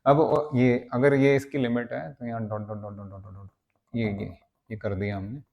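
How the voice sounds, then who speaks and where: A man's voice: mid-range voice, little pitch movement, moderate pace, vocal fry, lo-fi sound. A man teaching maths for an entrance exam, coaxing his students and repeating words for emphasis, with English phrases mixed in. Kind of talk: exam-prep maths lecture.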